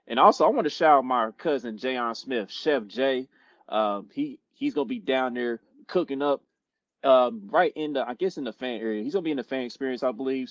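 A man's voice: mid-range voice, no echo. A man co-hosting a casual sports show, talking in laid-back, slangy bro style and repeating his phrases. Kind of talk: casual sports chat and sponsor plugs. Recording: slightly dull, dry audio.

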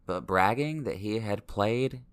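A man narrating a podcast in a measured, explanatory way. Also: fairly low pitch, clean tone. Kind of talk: scripted narration.

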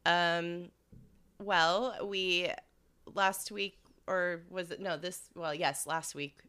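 A woman's voice: fairly low pitch, steady tone, slow pace, bright, forceful tone, clean tone. A woman podcast co-host chatting casually, her voice stuffy from a cold. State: sick with a cold.

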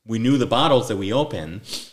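A man's voice: on the low side, expressive, brisk, a little hiss or hum. A man co-hosting a casual tasting chat, telling a story with emphatic, insistent asides. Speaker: podcast co-host.

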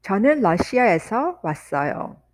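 Woman, language teacher, very slow pace, animated pitch, repeats phrases slowly then fast. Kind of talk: slow, drilled language lesson.

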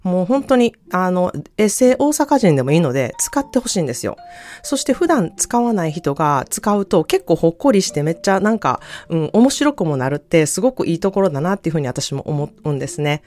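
A woman hosting a self-care podcast, speaking gently and encouragingly. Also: fairly low pitch, sing-song. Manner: gentle, encouraging, repeats phrases slowly. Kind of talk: solo podcast talk.

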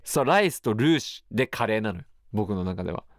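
Man, radio host, chatty and rambling, animated swooping voice, dry studio sound. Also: lowish voice, brisk, dry recording. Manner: chatty, rambling, musing aloud. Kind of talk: casual solo radio talk.

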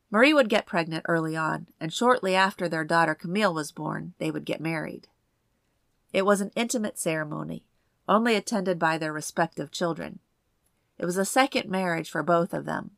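Female true crime narrator, suspenseful, measured delivery, low-pitched voice, dry close sound. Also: creaky, a bit bright, dry recording.

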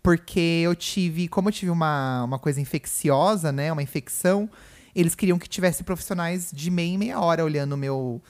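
Um homem com sotaque brasileiro, co-apresentador de podcast, conversando de forma casual num quarto de hospital e contando tudo com emoção. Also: male voice, fairly high pitch, normal speed. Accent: Brazilian Portuguese. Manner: chatty, emotional storytelling full of "né" and "gente". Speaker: podcast co-host. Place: hospital room.

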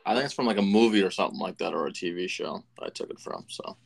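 A man with a very low, deep voice co-hosts a casual podcast, rambling and stopping to restart his thoughts. The sound is close and dry, with no room echo around him. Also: wildly swooping pitch, gravelly, breathy edge. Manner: rambling and halting, with many restarts. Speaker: podcast co-host.

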